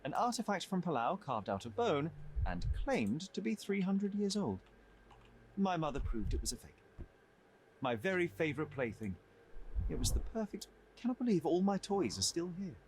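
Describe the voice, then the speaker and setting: An actor playing a precise, reflective young detective in a video game, speaking articulately. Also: male voice, on the high side, very animated, moderate pace, a little hiss or hum, rough recording. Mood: nostalgic. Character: Sherlock Holmes, precise young detective revisiting childhood home.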